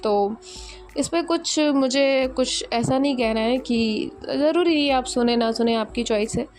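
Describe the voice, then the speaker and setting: Young woman reading a love story, slow and gentle, kinda high voice, soft music under it. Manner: gentle, unhurried, chatty with fillers in asides. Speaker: storyteller and channel host. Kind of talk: romance story narration.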